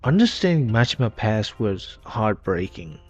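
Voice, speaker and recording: Speaking unhurriedly in a fairly low, sing-song voice with a darkish tone, this video narrator walks through a casual scripted story retrospective. He uses non-standard grammar and drops verb endings. Music plays under a dull, lo-fi recording from an inexpensive microphone.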